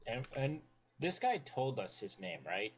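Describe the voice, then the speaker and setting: A man's voice: medium pitch, big pitch swings, a little slow. A man chatting casually as a player in a tabletop role-playing game.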